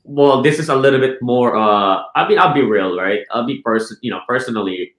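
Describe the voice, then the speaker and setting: A real estate team leader from the Philippines gives a casual interview in a mid-range, fairly bright voice at a fairly quick pace. He often says "right?", repeats words and restarts sentences; the recording is reverberant and low quality.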